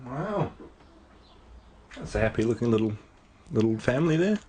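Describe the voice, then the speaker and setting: A man making casual, low-key conversation as an interviewer. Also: very animated, moderate pace, darkish tone. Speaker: interviewer visiting with a camera. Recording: clearly noisy amateur location recording.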